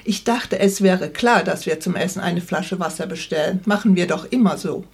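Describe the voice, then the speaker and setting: A woman's voice: fairly low pitch, normal speed, breathy edge. A woman reading aloud as a stubborn middle-aged husband set in his habits, in a plain, slightly pleading tone.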